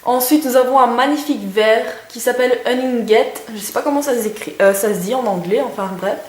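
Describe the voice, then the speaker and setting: A young woman with a voice on the high side, slightly quick and slightly mellow, reviews makeup as a beauty vlogger. Her talk is loose and chatty, packed with pauses and enthusiastic compliments, recorded in an echoey room with faint noise.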